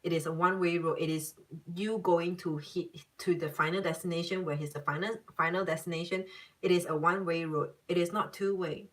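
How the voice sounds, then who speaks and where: A woman gives a casual live-stream psychic reading, chatty and emphatic, circling back to repeat her points and breaking into laughter. Her mid-low voice comes across a little distant from the microphone. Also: fairly even intonation, brisk, a bit bright. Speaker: tarot and psychic reader answering live viewers.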